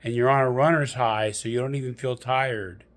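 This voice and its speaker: Narrating a guided meditation, a man keeps a deliberate, measured storytelling pace with pauses. His mid-range voice holds a steady tone.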